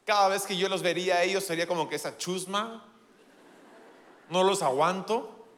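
A man preaching a sermon in an animated, playful way, with self-deprecating humor. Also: high-pitched, moderate pace, big-room sound.

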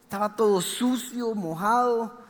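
High-voiced man in a hall. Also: a little slow. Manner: animated, acts out the dialogue. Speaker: speaker giving a testimony. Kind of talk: storytelling testimony. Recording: reverberant hall.

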